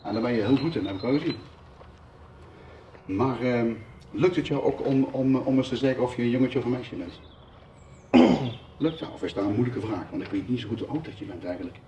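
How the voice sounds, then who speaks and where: A man presenting a ghost-hunting video, chatting casually and asking gentle, simple questions as if to a child. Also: medium pitch, fairly quick, pauses often, far from the mic, highs cut off. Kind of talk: casual chat, questioning a spirit. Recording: faint background noise.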